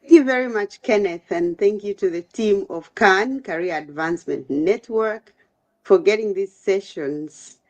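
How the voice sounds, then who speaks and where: A woman's voice: mid-range voice, unhurried, dull audio. A middle-aged woman from Uganda, a guest in an online interview, speaking conversationally with frequent fillers over a video call. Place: home, The Hague.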